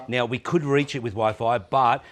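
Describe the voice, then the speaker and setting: A man's voice: mid-range voice, steady tone, normal speed. A man hosting a casual vlog, talking to friends and to the camera. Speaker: host.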